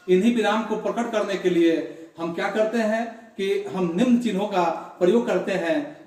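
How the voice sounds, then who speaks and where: A man teaching a grammar lesson in a classroom, explaining slowly and repeating his examples. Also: high voice, darkish tone. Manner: slow, repetitive explaining with examples. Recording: very echoey room, voice from far off.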